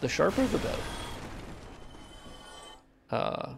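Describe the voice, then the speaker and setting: Slow-paced and a little high, this young modder's nasal voice swings widely in pitch and slips into vocal fry as he plays and tweaks a game on stream. Cursing liberally, he reads viewers' chat questions out loud and answers them over noticeable background noise.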